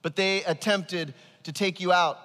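Man preaching, high voice, animated and emphatic, headset mic, long hall reverb. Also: a little slow. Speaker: pastor. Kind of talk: sermon. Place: large church stage.

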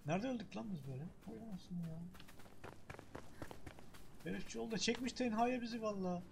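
A woman's voice: medium pitch, a little fast, gravelly, noisy background. A woman playing a game and talking to herself, swearing, joking and yelping when she gets hit. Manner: talks to herself, swears and jokes, yelps at hits. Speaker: gamer. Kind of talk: casual let's-play commentary.

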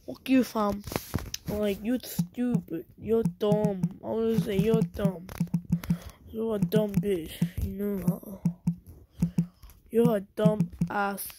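Slow-talking woman ranting at a hater. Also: mid-range voice, fairly even intonation, background noise. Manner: ranting, repetitive, slangy, swears a lot. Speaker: channel host. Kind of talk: angry ranting vlog.

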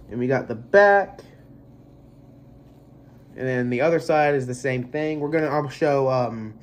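Picked up on a close webcam mic with slight background noise, a congested young vlogger in his twenties rambles casually through a movie unboxing in his small bedroom. The movie collector's fairly high voice has a darkish tone, and his easygoing talk is packed with fillers.

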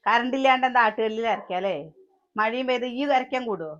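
In her home kitchen, a mother who runs a family vlog chats to the camera in a Malayali accent while cooking breakfast and calling out to her children. Her voice is fairly high, quick and fairly bright, with the highs cut off. It's casual home vlog narration.

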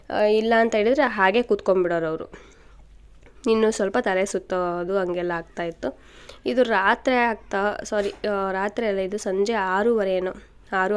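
A woman's voice: mid-range voice, smooth. A woman in her thirties, a vlogger chatting casually to viewers while her voice is changed by a cold. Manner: chatty, talks to viewers directly. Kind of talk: casual home vlog narration.

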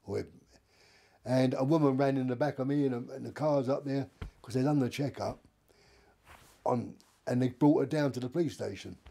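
Casting note: an old man in his seventies who spins rambling yarns, with a husky, gravelly voice. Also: mid-range voice, moderate pace, long pauses, dark tone. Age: 70s. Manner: rambling, with many restarts and acted-out dialogue. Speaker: interviewee. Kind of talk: casual anecdote telling.

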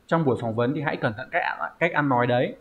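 A man teaches a Japanese vocabulary lesson online, explaining things step by step and frequently checking in with "right?". His mid-range voice moves fast, captured on a dull lo-fi recording.

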